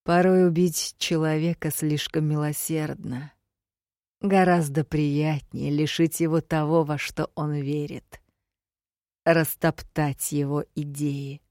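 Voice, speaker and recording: A woman's voice: low voice, steady tone, takes it slowly, darkish tone, no room sound. A woman voicing a sly, sadistic male demiurge who taunts caustically in an audiobook, in a dry recording. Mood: cold gloating.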